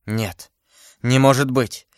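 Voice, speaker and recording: A man voicing a grave, brooding nobleman who speaks in a low, trembling hush. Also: steady tone, slow, clear, resonant tone, no echo, clean studio sound, natural voice. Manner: hushed, trembling.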